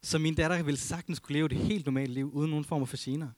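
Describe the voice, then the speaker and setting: A man preaching a sermon as a pastor, earnest, rising to emphasis and dropping to a hush, reading scripture aloud. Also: on the high side, steady tone, no room sound. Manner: earnest, swings between emphatic and hushed.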